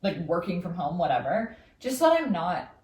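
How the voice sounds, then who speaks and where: A woman's voice: lowish voice, big pitch swings, fairly quick, a little mellow. A young woman co-hosting a casual chat podcast. She talks in an upbeat way and fills her sentences with "like". She sits a bit back from the mic, so her voice sounds distant and roomy. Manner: upbeat, lots of "like" fillers, reads quiz results aloud. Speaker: podcast co-host.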